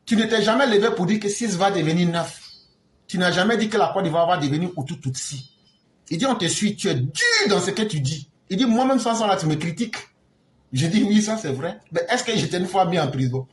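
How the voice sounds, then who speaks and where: A man with an Ivorian French accent, a political commentator who retells conversations in lively storytelling and slips in street slang. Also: sits high, fairly quick, echoey room.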